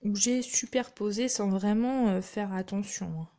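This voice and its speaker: Chatting on a live stream as she demonstrates a craft project, a woman narrates each step of her handiwork and adds little asides. Her mid-range voice has a dark tone and an unhurried pace.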